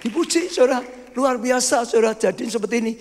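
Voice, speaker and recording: A man's voice: extremely high pitch, fast, slight background noise. A man, preaching a sermon as pastor, emphatic and often calling out to the congregation as brothers. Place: church hall. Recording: long hall reverb.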